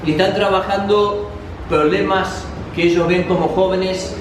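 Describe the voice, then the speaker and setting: A man speaks as an interpreter, his voice fairly high. He is caught from a distance in a very echoey space with clear noise behind him. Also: steady tone, normal speed. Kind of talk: interpreting for a group.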